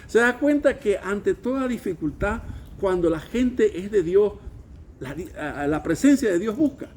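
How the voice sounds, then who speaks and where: A man's voice: high-pitched, animated, measured pace, a little mellow, slight background noise. A man preaching a sermon as pastor, emphatic, calling the congregation to repeat after him. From Venezuela. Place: church.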